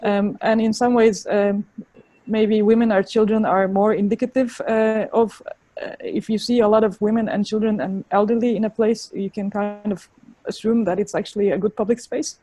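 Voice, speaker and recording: Female interviewee, Turkish accent, soft-edged relaxed tone, thoughtful and halting, very dry close sound. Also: mid-range voice, no echo. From Turkey. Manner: thoughtful, halting, searching for words. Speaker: interviewed urban designer. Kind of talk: spoken interview answers.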